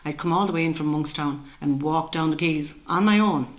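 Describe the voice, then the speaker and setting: Speaking fairly quickly in a low voice with her west of Ireland accent, this Mayo woman in her sixties, a traditional musician, looks back on the past during a casual interview. Her storytelling is emphatic and colloquial, recorded in an echoey room with noticeable background noise.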